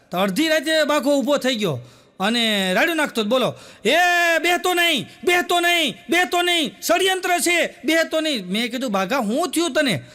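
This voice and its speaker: Male stand-up joke teller, very high register, storytelling style that laughs at its own jokes. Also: a bit bright. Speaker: comedian.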